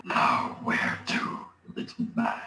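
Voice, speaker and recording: A monstrous bull-headed beast from a fantasy game, huge and brutal. He draws out his threats slowly and forcefully, in a roomy sound with faint noise. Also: faint music behind. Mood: bloodthirsty rage. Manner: slow, threatening delivery.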